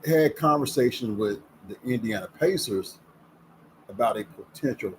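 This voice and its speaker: This sports vlogger in his fifties sounds animated at medium pitch and moderate pace, keeping things chatty and folksy while punching certain words. He records on a camera setup with a ring light, and the low-quality audio has slight background noise.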